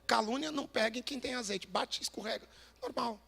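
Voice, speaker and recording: A high-pitched, gravelly male preacher with a Brazilian Portuguese accent, thundering an emphatic Pentecostal sermon. His voice rings through a large church hall with a long reverb tail. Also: a little fast. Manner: shouting and emphatic, acts out quoted voices. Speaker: pastor.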